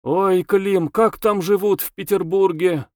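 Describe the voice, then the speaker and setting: A male audiobook reader voicing a chatty, excitable young woman who gossips and exclaims breathlessly. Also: high voice, measured pace, dry recording, studio quality, voice pushed up. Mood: excited. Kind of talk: audiobook character voice.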